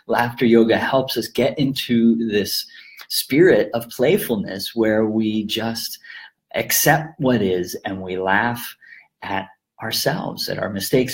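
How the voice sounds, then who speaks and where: A man talks a home audience through laughter yoga, calm and explanatory in tone. He breaks into easy laughter again and again between his points. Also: medium pitch. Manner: gentle, often breaks into laughter. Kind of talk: calm explanatory teaching to camera.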